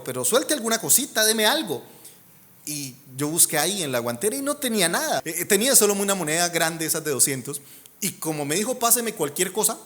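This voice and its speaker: Animated Colombian pastor preaching. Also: male voice. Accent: Colombian Spanish. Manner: animated preaching with humor and asides, swinging from loud emphasis to soft low endings. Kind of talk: sermon.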